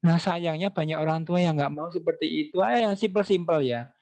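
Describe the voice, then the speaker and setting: A man giving an online parenting seminar, talking in a lively way and acting out dialogues between parents and children. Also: on the high side, fairly quick. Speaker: parenting speaker.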